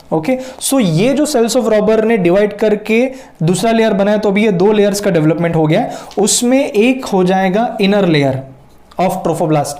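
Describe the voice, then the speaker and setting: A man teaching biology in a lecture, mixing Hindi and English and drawing out key terms slowly. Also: high voice, dark tone, echoey room. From India. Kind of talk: whiteboard lecture.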